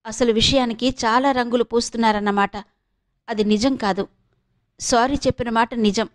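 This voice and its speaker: Brief: a woman doing a furious young woman, sharp and indignant, high voice, storybook reading. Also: fairly even intonation, moderate pace, natural voice. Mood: bitter. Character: fierce defiant young woman wronged.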